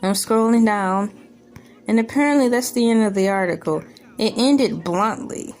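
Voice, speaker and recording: This video host is a woman whose medium-pitched voice has a darkish tone and moves at normal speed. She delivers a loose, funny take on a news article, peppered with incredulous, joking, rambling asides, while music plays beneath her.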